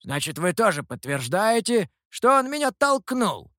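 Brief: a male reader plays a shrill, crafty old man who screeches accusations in an audio story. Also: sing-song, unhurried, pushed and bright, dry recording, clean studio sound, exaggerated voice. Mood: accusing.

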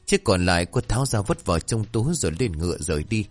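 A man narrating a folk tale in a steady storytelling manner. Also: lowish voice, fast, dry recording, faint music behind.

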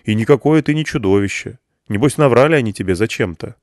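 A man's voice: on the low side, lively intonation, fast talker, dry recording, clean studio sound, natural voice. A man voicing a simple-hearted young man who talks in a blunt, stubborn way.

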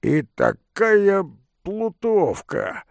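A man's voice: high voice, huge pitch swings, extremely slow, creaky, dry recording, clean studio sound, voice pushed up, heavily acted. A man playing a rambling forgetful old husband. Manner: rambling, singsong, easily sidetracked. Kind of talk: audiobook character voice.

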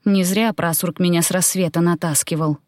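A woman with a low voice narrates an audiobook in the first person, telling the story with tense drama. The recording is dry and close, with no room sound. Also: fairly even intonation, normal speed, a little mellow, dry recording.

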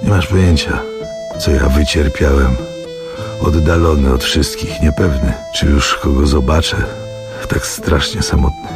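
A man's voice: very deep voice, steady tone, unhurried. A man voicing a lonely, brooding middle-aged merchant in a radio book reading. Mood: weary. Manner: weary, inward, confessional. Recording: radio reading with clear music behind.

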